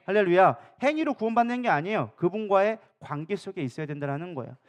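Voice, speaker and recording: Brief: high-pitched male pastor, brisk sermon delivery, keeps asking and answering his own questions. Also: animated. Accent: Korean, Daejeon area. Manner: asks the congregation questions and answers them himself; acts out quoted speakers in a changed voice. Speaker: co-senior pastor. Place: church sanctuary.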